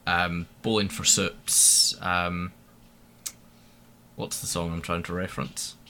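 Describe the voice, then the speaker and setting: A man co-hosting a casual music review podcast, animated and opinionated, often restarting his sentences. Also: deep voice, slow, a little hiss or hum. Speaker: podcast co-host.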